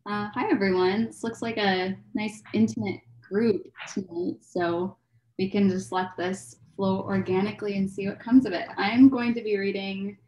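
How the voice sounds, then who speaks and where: Poet lady in her 30s reading her poems slow and even, laptop mic, echoey room at home. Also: mid-range voice. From California. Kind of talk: poetry reading. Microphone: laptop webcam mic, video call. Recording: roomy video-call audio.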